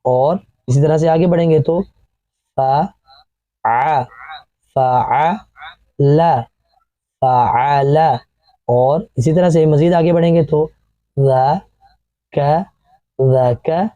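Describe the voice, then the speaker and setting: A man with a Pakistani Urdu accent teaching Quran reading in an online class, sounding out each syllable slowly and repeating it. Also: fairly high pitch, mellow, no echo, lo-fi sound.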